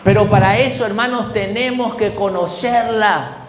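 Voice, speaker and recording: Impassioned high-voiced Bolivian preacher. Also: male voice, moderate pace, echoey room, a little hiss or hum. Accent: Bolivian Spanish. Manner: impassioned, fires rhetorical questions, rising to shouts. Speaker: pastor. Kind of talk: sermon.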